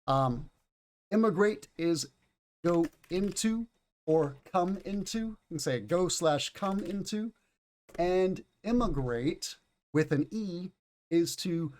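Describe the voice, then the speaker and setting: A man's voice: fairly high pitch, darkish tone. Tired Southern American man teaching English. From United States. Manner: patient, explains slowly and repeats key words. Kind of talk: livestreamed online class.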